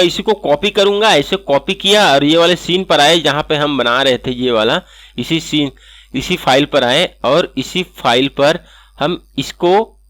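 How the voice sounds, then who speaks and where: A man hosting an animation software tutorial, walking through each step and checking in with "okay" again and again. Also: on the high side, no room sound. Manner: step-by-step, repeats "ठीक है" often. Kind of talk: screen-recorded software tutorial.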